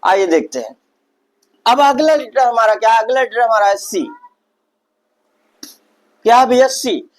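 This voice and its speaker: A man's voice: very high voice, animated, a little slow, long pauses. A man teaching an online lesson, who repeats each point and asks and answers his own questions. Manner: repetitive, addresses listeners as brother. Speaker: English teacher.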